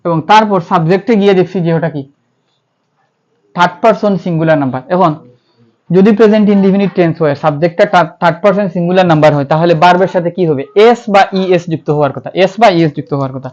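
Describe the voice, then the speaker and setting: A man's voice: high-pitched, quick pace, darkish tone. Bangladeshi man teaching grammar, lo-fi. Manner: asks questions and answers them himself, spells words letter by letter. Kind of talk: classroom-style lecture. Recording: slightly dull, lo-fi.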